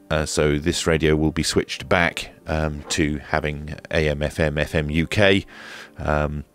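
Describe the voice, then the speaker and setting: This man has a bass voice and gives an informal radio gear demonstration, going step by step in a careful, halting manner.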